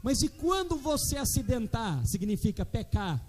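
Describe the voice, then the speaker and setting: A man's voice: extremely high pitch, sing-song, moderate pace. A middle-aged man with a Brazilian Portuguese accent preaching a sermon as pastor, calling out to the congregation for responses.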